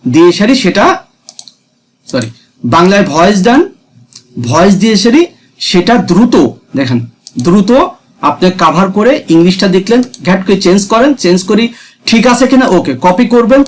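A man's voice: high-pitched, big pitch swings, brisk, pauses often, a little hiss or hum. A man giving a casual screen tutorial, chatty and repetitive, often checking in with viewers. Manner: chatty, repeats himself, asks viewers "ঠিক আছে?". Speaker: freelancing tutor.

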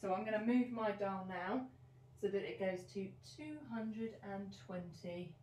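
The recording is low quality with a little hiss or hum, capturing a young woman teacher's medium-pitched, steady voice at a measured pace. She demonstrates a recipe for children in her home kitchen, gently and encouragingly explaining each simple step. Sound comes from the camera's own mic.

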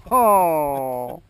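A man fly fishing from a boat on a flooded river, chatting casually with excited exclamations and laughs, recorded on an action camera outdoors. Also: fairly high pitch, clean tone. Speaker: fly angler. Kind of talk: casual chat while fishing. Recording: outdoor camera audio with loud noise.

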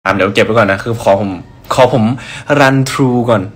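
A man's voice: lowish voice, moderate pace. A young man chatting on a livestream about his brand, rambling with restarts and answering viewers' comments. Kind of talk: casual livestream chat.

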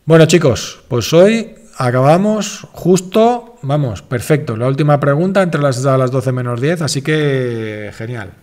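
A man's voice: mid-range voice, lively intonation, a little slow, few pauses, darkish tone. A man hosting a casual live stream, answering viewer questions in a rambling, self-correcting, informal way.

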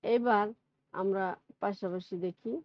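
A woman's voice: medium pitch, steady tone, a little slow, no echo. A woman teacher with a Bangladeshi Bengali accent, giving a recorded grammar lesson and explaining step by step with questions to her students. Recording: dull lo-fi recording.

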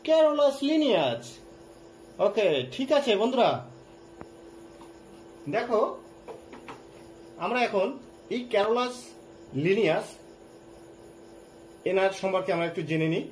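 Male teacher, high voice, quizzes and repeats terms for students, faint hiss behind. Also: a little slow, long pauses, low-quality recording. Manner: repeats key terms, asks and answers his own questions. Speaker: science teacher. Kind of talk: online class lecture.

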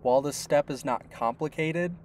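A man's voice: a little high, moderate pace, a little hiss or hum. A man giving a step-by-step instructional voice-over for a device setup tutorial. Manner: steady, step-by-step explaining. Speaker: product tutorial narrator.

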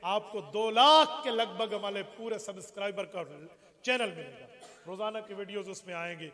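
A man delivers an emphatic mosque sermon in an unusually high voice. He keeps putting rhetorical questions to the congregation. His voice rings out with the long reverb of a large prayer hall. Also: moderate pace, pushed and bright. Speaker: preacher.

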